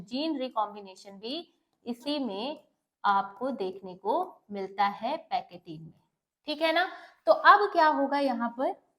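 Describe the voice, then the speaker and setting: A woman giving a bilingual lesson, explaining step by step and answering her own questions as she switches between Hindi and English terms. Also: high voice. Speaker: teacher. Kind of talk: bilingual classroom lecture.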